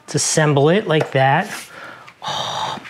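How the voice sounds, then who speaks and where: A man's voice: on the high side, slow pace, slight background noise. Chatty man reviewing a gadget. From lives in Florida. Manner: enthusiastic, chatty, self-deprecating. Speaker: product reviewer. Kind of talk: casual unboxing review. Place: outdoor garage testing studio.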